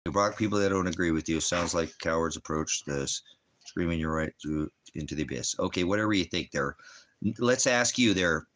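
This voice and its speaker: Deep-voiced and a bit bright, a man speaks at a moderate pace. He's a ministry teacher hosting a meandering Bible livestream from home beside a fireplace, bluntly challenging his commenters and frequently responding to his own questions.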